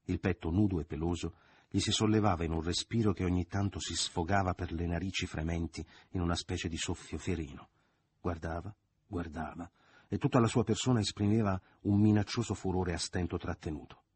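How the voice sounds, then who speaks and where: A man reading a novel aloud as an audiobook, in measured and dramatic narration that at times sinks quiet. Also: deep voice, fairly even intonation, slightly rough. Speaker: audiobook reader.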